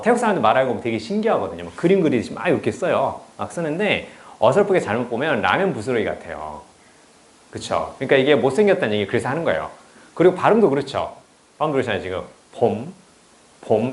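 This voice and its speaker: A man teaching English in a casual lecture, chatty and blunt, often swearing and checking with students. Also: medium pitch. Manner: chatty, blunt and profane, asks students "right?". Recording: roomy echo.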